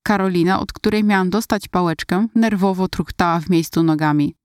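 A woman narrating a first-person story in a steady, inward-looking retelling. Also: on the low side, a little fast, clean tone, no room sound, clean studio sound.

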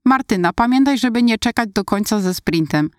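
A woman's voice: on the high side, lively intonation, a little fast, darkish tone, no room sound, studio quality, voice pushed up, natural voice. A woman voicing a pushy middle-aged male school track coach who gives urgent, rallying commands.

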